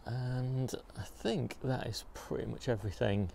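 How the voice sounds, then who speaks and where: With a gravelly, medium-pitched voice and an unhurried pace, a gardening channel host gives a casual walkthrough of his back garden, pointing out beds and plants. He films on a handheld phone, sounding relaxed and informative, with slight hiss or hum.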